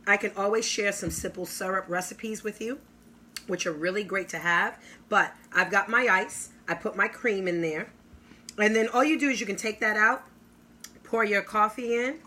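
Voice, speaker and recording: A woman's voice: mid-range voice, moderate pace, bright, forceful tone. A woman giving an enthusiastic, salesy kitchen product demonstration, drawing out her exclamations. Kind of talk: live kitchen product demo.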